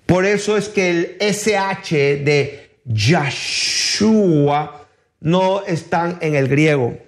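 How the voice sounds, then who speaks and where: A middle-aged male preacher delivers a sermon in a high voice. He speaks slowly and deliberately and keeps putting emphatic rhetorical questions to his listeners.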